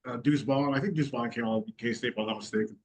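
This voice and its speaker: A man co-hosting a casual sports talk show, speaking in a relaxed, hesitant way with lots of fillers. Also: mid-range voice, fast, rough recording. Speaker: co-host.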